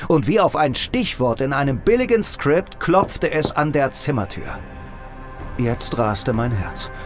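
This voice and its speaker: An actor playing a world-weary hard-boiled private detective, narrating in the first person with dry, sardonic humor. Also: male voice, medium pitch, sing-song, a little slow, soft background music. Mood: wry. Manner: dry, sardonic inner monologue. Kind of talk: first-person noir audio drama narration.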